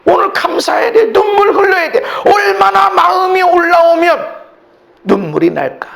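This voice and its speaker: A male pastor preaching a sermon with passion, swinging between shouted lines and hushed low ones. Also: lively intonation, normal speed, creaky.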